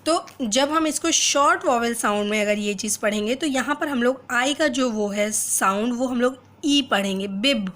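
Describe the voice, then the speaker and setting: A woman teaching a phonics lesson, explaining step by step and mixing Hindi with English, reading English rules out slowly and deliberately. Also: on the high side, fairly bright tone.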